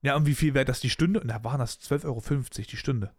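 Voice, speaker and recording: A man's voice: medium pitch, fast. A man hosting a podcast, bluntly and animatedly telling a story from his own working life in casual, colloquial talk. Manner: blunt, animated retelling of a workplace dispute with colloquial asides. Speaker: podcast host.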